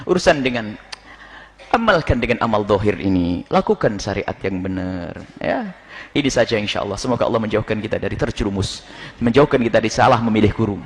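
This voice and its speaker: A man preaching a sermon with an animated, mocking manner, often mimicking others in quick asides. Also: on the low side, big-room sound.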